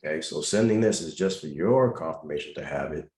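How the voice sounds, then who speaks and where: This time the very low-voiced host sounds brisk, with lively intonation and a darkish tone, as he takes caller questions in his live video-call class. He stays instructive, stressing advice by repeating it, and the room echoes noticeably.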